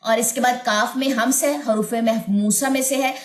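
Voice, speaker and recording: Female recitation teacher with a higher voice, unhurried, sounds out each word again and again; roomy echo. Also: fairly even intonation. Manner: explains slowly and demonstrates each word repeatedly. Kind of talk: recorded lesson. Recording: echoey room.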